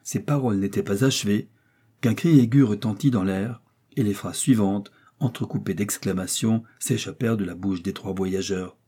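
A man reading a novel aloud as an audiobook narrator in a steady, measured way. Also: on the low side, breathy edge. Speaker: audiobook reader. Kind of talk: scripted narration.

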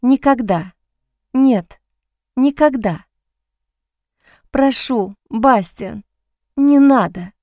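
A woman's voice: fairly high pitch, extremely slow, pauses often, warm tone, no room sound, studio quality. A woman voicing a young heroine in an audiobook, breathless and pleading, torn against herself. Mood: desperate. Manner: breathless, pleading, self-reproaching.

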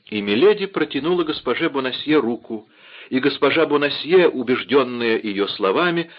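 A man narrating an audiobook in a measured, theatrical reading, on a dull lo-fi recording. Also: medium pitch, expressive.

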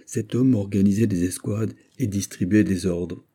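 A man narrating a classic novel as an audiobook in a steady, measured reading. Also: on the low side, husky.

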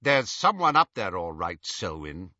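A man as a sharp, forceful wizard henchman. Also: sits high, sing-song, unhurried, breathy edge, no room sound, lo-fi sound, pitched above the performer's own voice, exaggerated voice. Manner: clipped, matter-of-fact, sharp. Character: cool, practical male dark wizard henchman.

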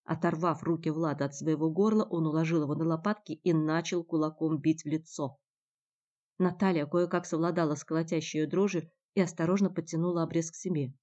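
Woman, audiobook narration, steady dramatic reading, low voice, dull lo-fi recording. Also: fairly quick. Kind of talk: scripted narration.

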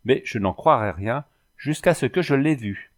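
A man voicing an excitable, blustering doctor who bursts into exclamations. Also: medium pitch, normal speed, lightly acted. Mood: excited. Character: excitable blustering male doctor, brusque and eager.

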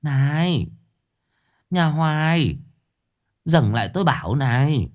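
A gossiping old village woman, leaning in with a hushed, conspiratorial voice, as a male storyteller puts her on. She sounds secretive and insistent in this told ghost story. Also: on the high side, lively intonation, slow pace, voice pushed up.

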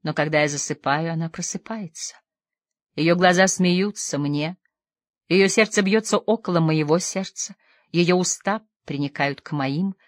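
A woman voicing a tormented, opium-addicted lady who pleads feverishly, dropping to soft murmurs and rising into sudden outbursts. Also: fairly low pitch, a little slow, dry recording, clean studio sound, lightly acted. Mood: dreamy.

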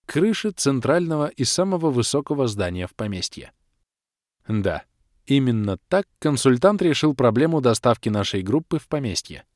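A man narrating a first-person fantasy audiobook with wry, lively storytelling. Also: medium pitch, dry recording, clean studio sound.

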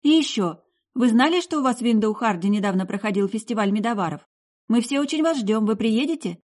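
Audiobook figure: eager young female healer, high voice, rapid prying questions, read by a woman. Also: expressive, a little mellow.

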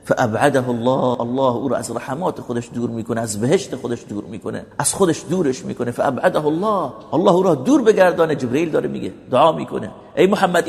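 A man preaching a sermon with impassioned delivery, rising to loud pleading peaks and dropping low, reciting Arabic verses slowly before explaining them. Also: gravelly. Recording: long hall reverb.

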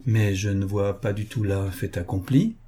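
A man's voice: on the low side, moderate pace, warm tone, husky. A man voicing Mr. McGabry, a pompous, sentimental and jealous suitor, in a read-aloud novel.

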